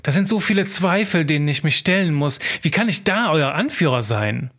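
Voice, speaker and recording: A man's voice: a little high, animated, normal speed, a bit bright. A man voicing an anxious, insecure scribe who feels he is an impostor, talking in a fretful, pleading way. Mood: anxious, doubting. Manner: fretful, self-doubting, pleading. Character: anxious insecure male scribe posing as abbot.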